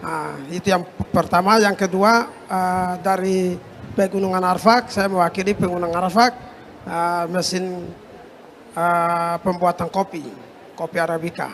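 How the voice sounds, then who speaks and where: A man from West Papua, a farmer representative, speaking hesitantly with many pauses. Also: high-pitched, steady tone, a bit bright, a little hiss or hum. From West Papua, Indonesia. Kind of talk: public petition to an official.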